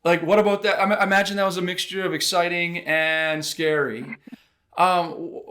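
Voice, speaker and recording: A man's voice: high-pitched, little pitch movement, normal speed, sharp tone. Enthusiastic man co-hosting a podcast. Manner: enthusiastic, emphatic. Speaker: podcast co-host. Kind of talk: casual interview chat.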